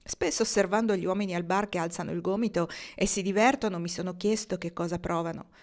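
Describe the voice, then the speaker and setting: A woman voicing a worldly, good-humored grown man in an audiobook, speaking calmly and wryly. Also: lowish voice, close to an everyday voice. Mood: amused, gentle. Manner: calm, wry, measured.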